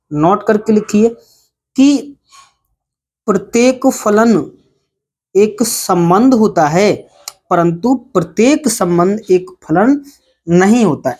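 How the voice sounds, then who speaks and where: A woman's voice: mid-range voice, dark tone. A woman maths teacher explaining a lesson to her students, often checking in with short tag questions and drawing out key words for emphasis. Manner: repetitive, checks in with "ठीक है" and "है ना".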